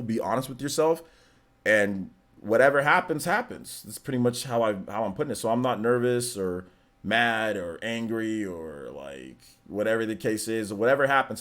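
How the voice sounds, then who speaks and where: Laid-back man in his forties, low voice. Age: 40s. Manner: laid-back, rambling, slangy and joking. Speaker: streamer host. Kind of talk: casual livestream chat reading viewer messages.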